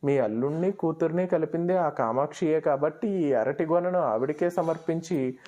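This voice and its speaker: A man's voice: fairly high pitch, moderate pace, warm tone, lo-fi sound, close to an everyday voice. A man voicing a revered old holy man in a storybook reading, kindly but stern, speaking in a commanding, knowing way.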